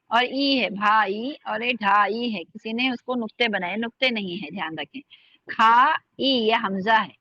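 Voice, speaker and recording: Higher-voiced lady teacher going over sounds slowly, dull dry lo-fi audio. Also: a bit bright, no echo. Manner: slow careful drilling of sounds, repeating words. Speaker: online language teacher. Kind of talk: spoken language lesson.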